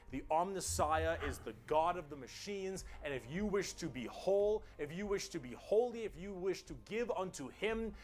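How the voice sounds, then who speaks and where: A man's voice: a little high, fairly bright tone. A man voicing a solemn, preachy techno-priest who worships machines, as a mock-sermon in an explainer video. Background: background music.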